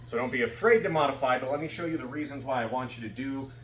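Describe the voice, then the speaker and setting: A man's voice: mid-range voice, fast talker, a bit bright. A man giving casual, explanatory fencing instruction, often checking that his students follow. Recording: echoey room with background noise.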